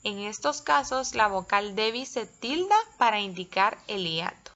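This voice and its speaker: Female teacher, unhurried and methodical, dull lo-fi sound. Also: medium pitch, expressive, pushed and bright. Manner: slow, careful, spells out syllables. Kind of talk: recorded classroom lesson.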